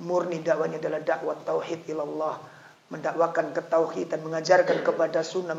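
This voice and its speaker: A man preaching an animated, joking sermon to an audience in a lecture hall. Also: on the high side, gravelly. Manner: animated, joking, switching into local dialect. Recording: echoey, slightly dull lecture recording.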